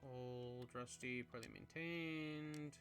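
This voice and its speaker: A man plays through a horror adventure game, mumbling his puzzle ideas and reading notes aloud. His mid-range voice leaps up sharply when something startles him, and soft music plays behind him. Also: takes it slowly. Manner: musing aloud, jumping to excited high exclamations. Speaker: game streamer. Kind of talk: let's play commentary.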